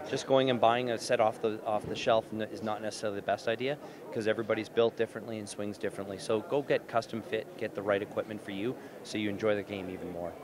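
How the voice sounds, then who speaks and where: Amid the noise of a busy convention crowd in a big indoor exhibition hall, a middle-aged man answers interview questions spontaneously as an association president, speaking into a handheld reporter mic. His voice is lowish and steady, his delivery quick.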